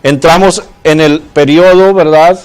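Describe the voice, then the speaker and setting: A man's voice: on the high side, fairly even intonation, a little slow, a little mellow. A man preaches in a church. He asks the congregation questions and keeps checking in with "¿verdad?". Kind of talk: sermon.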